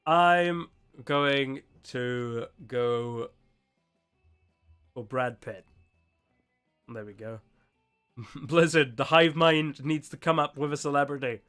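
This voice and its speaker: A man hosting a group game stream, chatting casually and reading aloud in a jokey, animated way. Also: mid-range voice, slow, pauses often, clear, resonant tone. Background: faint music.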